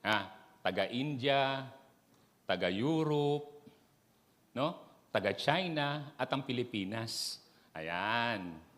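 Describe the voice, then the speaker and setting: A man recovering from a cough gives a sermon in a halting, self-deprecating way, full of fillers. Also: mid-range voice, lively intonation, a bit bright, long reverb tail. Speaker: church speaker. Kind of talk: Taglish sermon. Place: church hall.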